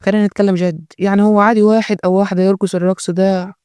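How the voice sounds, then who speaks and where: A man's voice: sits high, level tone, rapid-fire, darkish tone, smooth, faint music behind. A man with an Egyptian accent giving natural unscripted, joking commentary as a host, in a mocking, rambling way.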